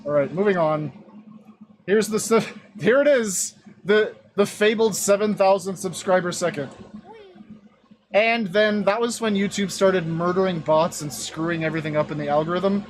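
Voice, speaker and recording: Chatty high-voiced man streaming. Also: normal speed, slight background noise. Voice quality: naturally high voice. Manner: rambling, self-deprecating, chatty. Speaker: YouTuber hosting an anniversary stream. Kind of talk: casual livestream commentary. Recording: music playing behind the voice.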